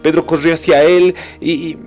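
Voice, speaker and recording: A man preaching a recorded sermon, telling a story dramatically, slowing down for emphasis and speaking earnestly to the listener. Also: on the high side, flat delivery. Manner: addresses the listener directly and earnestly. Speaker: pastor. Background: soft instrumental music.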